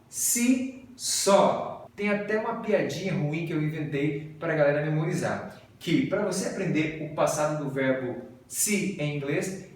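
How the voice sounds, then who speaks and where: Brazilian man, english teacher, fairly high voice, patient drills, unhurried. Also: recorded from a distance. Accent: Brazilian Portuguese. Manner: explains patiently and drills pronunciation. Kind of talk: video lesson. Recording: very echoey room, voice off-mic.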